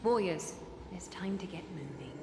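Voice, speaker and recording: A woman's voice: fairly low pitch, lively intonation, normal speed, noisy background, close to an everyday voice. A woman voicing a stern, exasperated noble commander in a fantasy video game, formal and imperious, in echoey audio. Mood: commanding.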